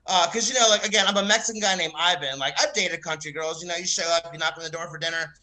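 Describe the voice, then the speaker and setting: Bright-voiced man doing stand-up. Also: a little high, fairly even intonation, low-quality recording. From American South. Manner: rapid, laughing, swearing storyteller. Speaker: stand-up comic. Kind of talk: stand-up set.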